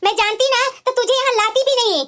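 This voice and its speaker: A woman voicing a scolding, taunting middle-aged mother-in-law in a cartoon, talking in a sharp lecturing way. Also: extremely high pitch, fast talker. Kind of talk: cartoon voice acting.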